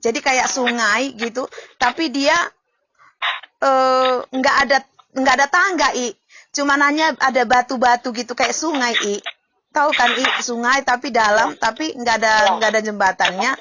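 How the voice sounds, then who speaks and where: A woman's voice: sits high, normal speed, background noise. A woman pastor in casual chat who talks emotionally and refers to herself by her own name. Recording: dull lo-fi recording.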